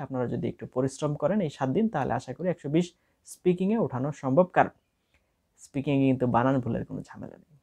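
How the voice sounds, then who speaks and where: Casting: young adult Bangladeshi-accented man, tutor voice, quick delivery, gravelly texture, mixes English phrases into his lesson. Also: on the high side, darkish tone. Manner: explaining with many English phrases mixed in. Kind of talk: spoken lesson to camera.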